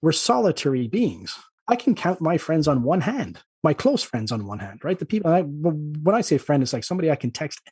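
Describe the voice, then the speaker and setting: Male, Irish accent, husky, conversational podcast guest, anecdotal, dry sound. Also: a little high, big pitch swings, a little mellow, dry recording. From Ireland. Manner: fast-talking, anecdotal. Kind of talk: conversational interview.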